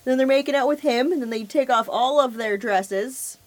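A woman co-hosting a podcast, chatting in a wry way with quick asides. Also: high-pitched. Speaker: podcast co-host. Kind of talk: casual podcast chat reviewing a film.

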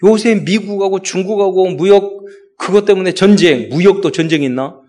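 A man's voice: high-pitched, moderate pace, a little mellow. A male pastor delivering a sermon, rising into exhortations and acting out quoted speech.

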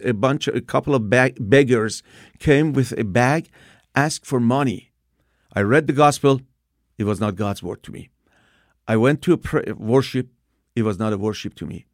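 Man, 60s, Persian accent, gravelly, earnest testimony storyteller, dry room. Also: medium pitch, no echo. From Iran. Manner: earnest, vivid storyteller with occasional restarts. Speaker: speaker giving his testimony.

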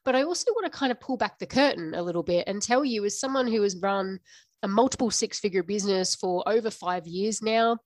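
A woman in her thirties hosting her own podcast, a little nasal and stuffy from the flu, talking frankly and unscripted with a quick laugh now and then. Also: medium pitch, no echo, studio quality. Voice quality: slightly nasal. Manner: frank, tells it like it is, laughs often. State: stuffy nose after the flu. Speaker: podcast host. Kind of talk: unscripted business podcast monologue.

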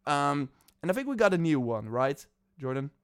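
A man's voice: a little high, very animated, moderate pace, smooth, dry recording, clean studio sound. A man from the Netherlands hosting a podcast, talking casually with lots of fillers and restarts. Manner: chatty, loose, many fillers and restarts. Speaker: podcast host.

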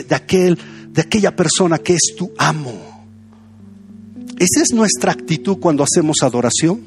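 A man's voice: high voice, darkish tone. A young man, a pastor giving a conversational sermon full of personal stories. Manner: conversational, anecdotal preaching.

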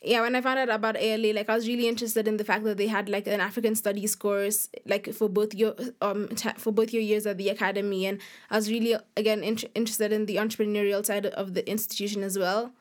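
Being interviewed on a podcast, this young Kenyan author talks fast in a mid-range voice with little pitch movement. Her manner is informal and somewhat hesitant, and "like" comes up often.

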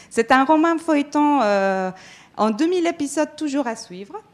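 Introducing an event, a hesitant Mexican woman organizer stumbles through fillers and restarts. She talks a little slowly in a high, animated voice.

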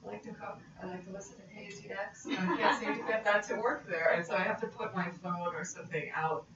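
A woman's voice: medium pitch, fast, a crowd in the background. A woman from Italy, a guest in a casual conversation, talking thoughtfully and often trailing off mid-sentence. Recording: distant mic in echoey room, dull and noisy.

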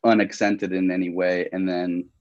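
Speaking at a moderate pace in a low voice, this young Colombian podcast guest chats casually, rambling in a relaxed way and using plenty of "like" and "you know." It's a casual conversational interview. There is no room sound, and the high frequencies are cut off.

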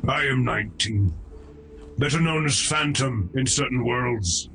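A man's voice: mid-range voice, measured pace, vocal fry, a bit bright, faint music behind. Man playing a guarded, defiant young mortal. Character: guarded, defiant mortal, nineteen, questioning a spirit. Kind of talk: tabletop role-play.

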